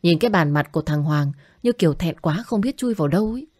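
Woman voicing a young female coworker, gossipy, blunt, slangy, low voice. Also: lively intonation, fast talker, darkish tone. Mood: scornful.

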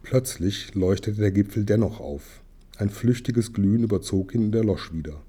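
A man reading an audiobook aloud in steady storytelling narration, with small slips now and then. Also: lowish voice, moderate pace, breathy edge. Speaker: audiobook reader.

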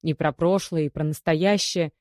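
A woman's voice: low voice, steady tone, moderate pace, darkish tone, no echo, clean studio sound, lightly acted. A woman reading the part of an eager, chatty young woman who believes in a shaman. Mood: eager chatter.

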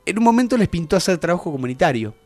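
A man's voice: high voice, very animated, rapid-fire, darkish tone, dry recording. A man hosting a radio show, chatting casually about music in a rambling, explanatory way full of hesitations. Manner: rambling, explanatory, many "eh" fillers.

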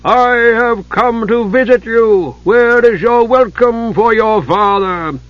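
A man voicing a huge, mocking male fire giant, the father of chaos, with a slow, booming, taunting delivery. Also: no echo, highs cut off. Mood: triumphant.

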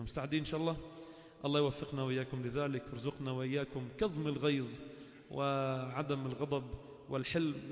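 A man preaching a sermon in a mosque, telling stories animatedly and acting out the quotes. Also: medium pitch. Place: mosque hall. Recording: echoey mosque hall, dull lo-fi sound.

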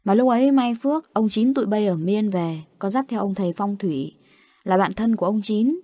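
Here is a stern elderly grandmother from a spoken ghost story, heavy with warning as she scolds the family. Her voice sits at a middle pitch and stays near the reader's own, a woman reading her part. The recording is dry and close. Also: normal speed, warm tone, no echo, natural voice. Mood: grave.

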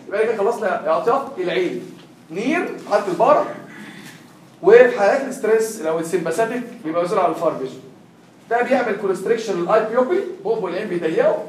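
In a classroom lecture, a young Egyptian-accented tutor keeps quizzing his students with question after question. His voice sits high, with slight background noise, and the echoey room makes him sound far off.

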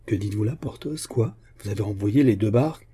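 A man reading a novel aloud, voicing a shrewd, melancholy old bishop and former musketeer who speaks in a measured, guarded way. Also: on the low side, mellow, slightly rough.

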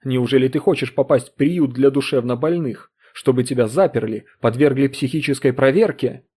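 A man voicing a bitter older historian in an audiobook reading, speaking slowly and cuttingly with harsh contempt. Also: expressive, mellow, slightly rough. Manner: low, slow, cutting, then furious.

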